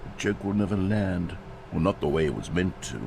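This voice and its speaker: An actor playing a fussy, theatrical narrator in a video game, vain, easily crushed, wordy and pompous. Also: male voice, low-pitched, lively intonation, fairly quick, creaky, darkish tone, a little hiss or hum. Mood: flustered, despairing.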